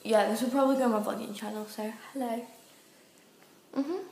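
A woman's voice: a little high, fairly even intonation, a little fast, darkish tone. Chatty teenage girl vlogging on a phone. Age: teens. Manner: chatty, rambling, self-conscious. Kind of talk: casual vlog talk to camera. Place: home rooms, then restaurant and bathroom. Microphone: phone held at arm's length. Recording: echoey phone audio.

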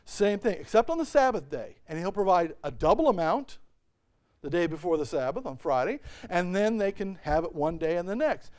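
A middle-aged man preaching a sermon from a church pulpit, animated and full of rhetorical questions. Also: high voice, moderate pace. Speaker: pastor. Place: church sanctuary, at a pulpit by a whiteboard.

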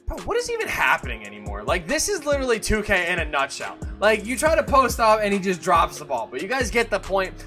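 A man's voice: high-pitched, very animated, fairly quick, few pauses, music in the background. A young man talking casually through a video game tutorial for his channel, chatty and full of fillers and self-corrections. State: has the hiccups. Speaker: gaming YouTuber. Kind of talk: casual gameplay tutorial commentary.

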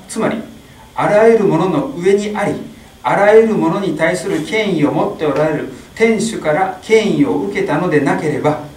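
A middle-aged man reading a translation of a sermon aloud in a small chapel, steady with small slips. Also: fairly high pitch, a little hiss or hum. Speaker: interpreter at a Mass. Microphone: stand mic. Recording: echoey chapel, distant mic.

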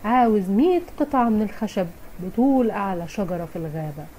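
A woman's voice: medium pitch, lively intonation, fast, dark tone, a little hiss or hum, close to an everyday voice, rough recording. Woman voicing a demanding, rich Egyptian merchant stranger. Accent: Egyptian Arabic. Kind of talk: children's storybook character voice.

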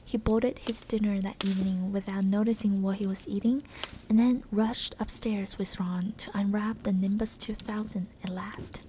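A woman giving a soft, whispered ASMR reading of a storybook. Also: medium pitch, fairly even intonation, normal speed, noisy background.

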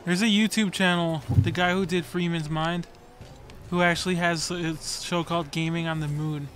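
A man's voice: fairly high pitch, fairly even intonation, a bit bright, slight background noise. A young man chatting and joking while playing a video game with a friend. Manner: joking, playful, quick comebacks. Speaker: gaming co-host. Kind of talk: casual gameplay chat.

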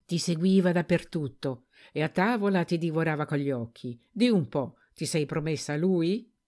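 A woman's voice: low-pitched, normal speed, a little mellow, close to an everyday voice. A woman voicing a stubborn, angry farm master who presses his servant girl with insistent questions, in an audiobook reading. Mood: angry, badgering. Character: gruff, stubborn, angry farm master, a middle-aged man.

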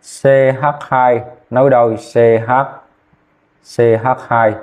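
A man teaching chemistry, dictating formulas slowly and repeating names, often checking whether students follow. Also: medium pitch, level tone, a little mellow. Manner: slow, repetitive, checking in with "ok chưa?". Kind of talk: classroom lesson, dictating formulas.

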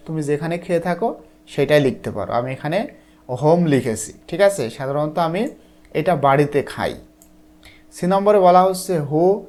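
A teacher from Bangladesh explaining textbook answers to students, reading English lines slowly, then translating them and often checking that they follow. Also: mid-range voice, darkish tone. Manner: patient, repeats "ঠিক আছে?" to check understanding.

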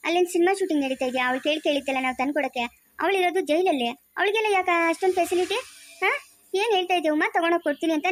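A woman's voice: high voice, dry recording, natural voice. A woman playing a firm but kind policewoman who talks sternly and comforts like an elder sister in a family moral drama.

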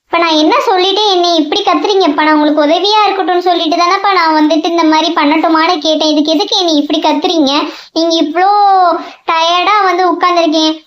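Woman doing a squeaky little cartoon schoolboy, earnest, kinda pleading, dull echoey audio. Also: fairly even intonation, fast talker. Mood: hurt. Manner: pleading and hurt. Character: earnest young schoolboy son, eager to help.

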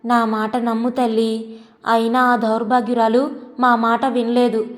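A woman's voice: fairly high pitch, little pitch movement, unhurried, natural voice. A woman voicing an elderly man, a grieving father who speaks in a pleading, heavy-hearted way. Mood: remorseful. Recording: long reverb.

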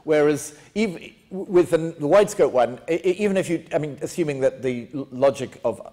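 A man's voice: a little high, lively intonation, normal speed, mellow. An older man, a philosophy lecturer, answering a question in a lecture room with many hesitant restarts and fillers. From England. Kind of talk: academic Q&A answer.

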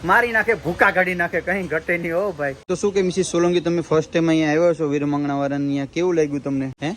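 Fast-talking vlogger man. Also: on the high side, fairly even intonation, a bit bright. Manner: chatty, joking, addresses viewers as family. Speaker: vlogger host. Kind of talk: casual family travel vlog. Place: outdoors at a temple and village homes.

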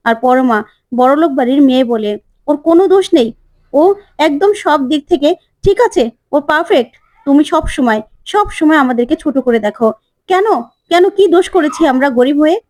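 A woman voicing a sharp-tongued aunt who argues back at her elder sister-in-law, reproachful and pointed. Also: sits high, moderate pace, no room sound, lightly acted.

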